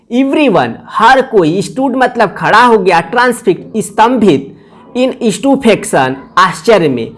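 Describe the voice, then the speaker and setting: Slow, careful woman teacher. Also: mid-range voice. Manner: reads English phrases very slowly, then glosses them in Hindi. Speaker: English teacher. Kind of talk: line-by-line lesson explanation.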